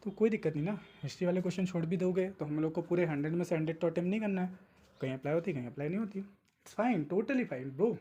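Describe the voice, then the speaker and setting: A man's voice: high voice, mellow, slightly rough. Chatty young man coaching exam tips. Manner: chatty, coaxing, mixes English words and reads English statements slowly. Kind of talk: informal exam-tips lesson.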